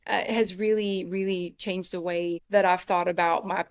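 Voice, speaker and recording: A middle-aged woman co-hosting a podcast, telling a story in a casual, animated way with lots of fillers and restarts. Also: fairly low pitch, moderate pace. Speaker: podcast co-host. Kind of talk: casual chat.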